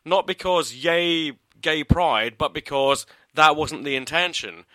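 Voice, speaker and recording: A man contributing to a film podcast, chatting casually with a sweary, animated and opinionated manner. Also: fairly high pitch, slow, no echo.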